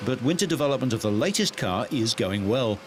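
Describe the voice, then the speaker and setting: A man's voice: mid-range voice, lively intonation, brisk, a little hiss or hum. Male motorsport voice-over narrator. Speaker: news presenter.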